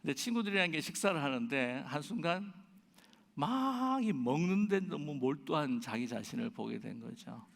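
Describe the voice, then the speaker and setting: Heard on a church livestream full of long reverb and faint music, a male pastor in a large sanctuary narrates a story in a conversational sermon. His voice is a little high, creaky and sing-song at a moderate pace, and he fills his talk with fillers while occasionally acting out those he quotes.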